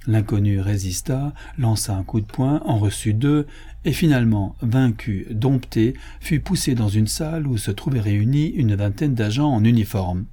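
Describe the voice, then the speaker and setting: A man narrating a novel aloud in a steady, measured reading. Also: on the low side, breathy edge. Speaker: audiobook narrator. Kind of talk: scripted narration.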